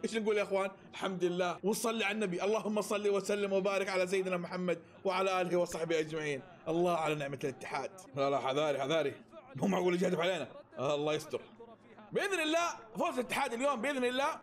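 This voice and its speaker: High-voiced excitable man. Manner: excitable, bursts into shouted cheers and laughter. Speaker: football fan reacting to a match. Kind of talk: live match reaction.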